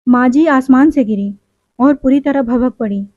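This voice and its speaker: High-voiced woman reading a story. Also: unhurried, a little mellow, no room sound. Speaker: story reader. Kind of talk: literary story narration. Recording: dull lo-fi recording.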